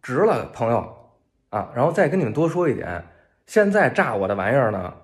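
A man with a Beijing accent talking casually to viewers in a video, cracking wry, deadpan jokes. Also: mid-range voice, brisk. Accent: Beijing Mandarin. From Beijing, China. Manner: wry, joking, deadpan gallows humor. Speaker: civilian in a war zone posting a video.

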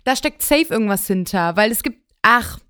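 Eine junge Frau, die als Co-Host im lockeren Podcast laut und sprunghaft erzählt, oft mit Neuanfängen. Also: female voice, mid-range voice, lively intonation, normal speed, smooth, no room sound, studio quality. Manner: rambling, restarts, loud. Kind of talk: casual chat. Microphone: close podcast mic.

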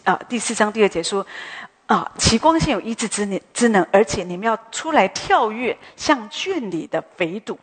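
A woman preaching a sermon at a morning prayer meeting, speaking gently and conversationally with soft tag sounds at the ends of her phrases. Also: medium pitch. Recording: long echo as in a hall.

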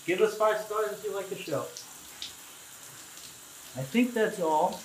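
A man's voice: high-pitched, unhurried, slight background noise. Man talking in the shower, echoey. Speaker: podcast host. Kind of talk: casual podcast intro. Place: running shower, indoors. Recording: echoey bathroom, running shower water. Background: running water.

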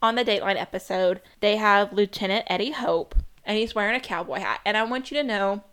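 A woman's voice: mid-range voice, brisk, a bit bright, smooth. A woman co-hosting a podcast, chatting casually and laughing easily. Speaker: podcast co-host. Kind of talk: casual chat.

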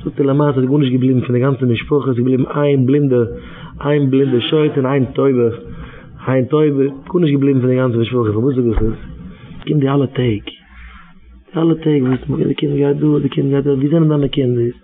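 A man's voice: mid-range voice, fairly even intonation, brisk. A man giving an informal religious talk, exhorting his listeners and repeating his phrases again and again. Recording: tinny phone-like radio recording.

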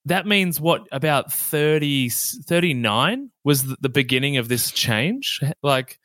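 A man's voice: fairly high pitch, very animated, unhurried, pushed and bright, dry recording, clean studio sound. A man hosting a podcast interview, giving an upbeat introduction and asking questions. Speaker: podcast host.

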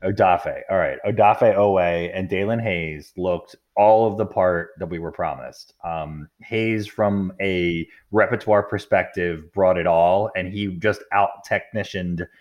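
A man's voice: deep voice, a little slow, few pauses, dull audio. A man hosting a casual sports podcast, laid-back and chuckling as he talks. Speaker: podcast host.

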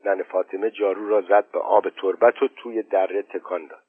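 A man reading an audiobook story in even, measured narration. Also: low voice, breathy edge, no room sound. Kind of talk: scripted narration. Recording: thin phone-like sound, dry.

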